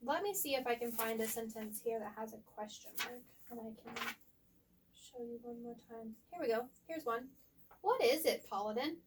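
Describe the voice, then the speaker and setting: A woman tutoring a student one-on-one in reading, asking patient guiding questions and explaining slowly, sometimes softly. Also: on the high side, noisy background. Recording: voice picked up from a distance.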